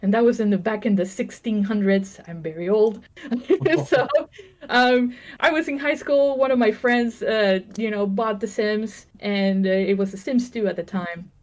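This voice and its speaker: A woman's voice: medium pitch, measured pace, darkish tone. A woman in her thirties from Venezuela, a game developer chatting casually on a livestream, laughing often and joking about herself.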